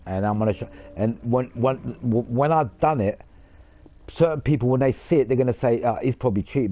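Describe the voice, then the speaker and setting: A man's voice: medium pitch, dark tone. A man hosting a gaming channel, rambling in casual gameplay commentary, boastful and swearing casually.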